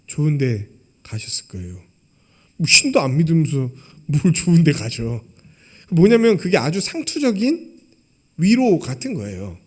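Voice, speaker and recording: A man preaching, with a somewhat high voice that swings widely up and down. He talks to the congregation in a chatty way and keeps asking them questions. He acts out quoted lines and sometimes drops to a near whisper. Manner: conversational, asks the congregation questions. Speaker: pastor. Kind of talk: sermon.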